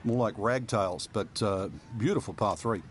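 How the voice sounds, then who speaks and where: A man's voice: lowish voice, moderate pace, a little hiss or hum, lightly acted. A man playing an easygoing golf analyst, giving conversational, explanatory commentary on the course. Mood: relaxed, advisory.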